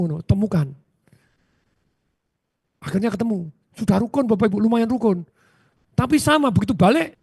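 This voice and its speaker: Brief: male seminar speaker, lively with audience questions, high and gravelly voice. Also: dry recording, studio quality. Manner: animated, with frequent rhetorical questions to the audience. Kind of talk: motivational seminar talk.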